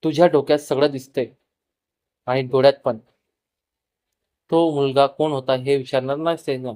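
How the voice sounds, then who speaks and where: A man's voice: medium pitch, fairly even intonation, moderate pace, darkish tone, no room sound, studio quality, lightly acted. A man voicing a cheerful, talkative young woman neighbor who speaks in a playful, teasing way.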